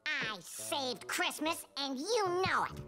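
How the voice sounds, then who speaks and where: Scrappy cartoon woodpecker, squeaky high voice, folksy fast-talker, chirpy, music behind. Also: male voice, expressive, full character voice. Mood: indignant.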